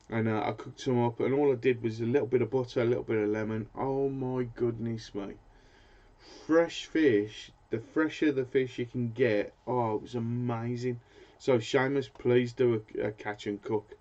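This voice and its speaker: British male angler host, casual meandering chat with lots of ums, lowish pitch, dull recording. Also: creaky, dark tone. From Britain. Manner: rambling, hesitant, searches for words. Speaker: fishing channel host. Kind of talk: casual live-stream chat. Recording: dull lo-fi sound.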